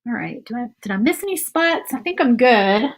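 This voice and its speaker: This Virginia woman in her thirties has a fairly high, lively voice at normal speed and a light Southern accent. Painting a craft project, she chats in a friendly way, thinking aloud and reading live comments as a craft vlogger, with a phone or camera mic nearby.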